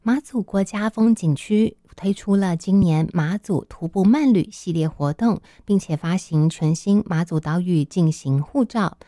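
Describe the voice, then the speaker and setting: Low, mellow woman news anchor, Taiwanese Mandarin. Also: unhurried, few pauses, no echo, studio quality. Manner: formal news-anchor delivery. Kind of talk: scripted news introductions.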